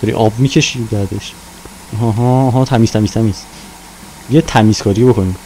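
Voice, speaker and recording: A man's voice: lowish voice, fairly even intonation, warm tone, a little hiss or hum, low-quality recording. A young man giving casual, playful commentary while playing a car-washing game, talking to himself as he goes. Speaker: gaming YouTuber.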